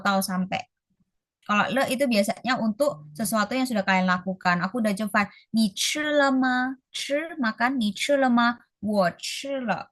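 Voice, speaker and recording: A young woman tutoring an online Mandarin class, explaining quickly and saying phrases slowly. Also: mid-range voice, no room sound.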